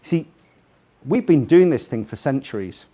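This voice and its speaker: His mid-range voice is dark and expressive, delivered at a measured pace. The man, a guest speaker with a slightly Scouse accent, gives a jokey, rambling, informal talk before a live audience in a room and quizzes them directly.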